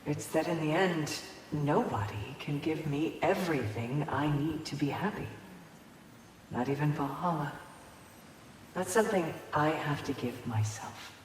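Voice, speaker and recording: Thoughtful and earnest, this actress brings an animated, low-pitched female voice to a solemn, gentle, resolute video game valkyrie. She speaks deliberately, with pauses, in dramatic voice acting captured with long echoey reverb and a faint hiss of background noise.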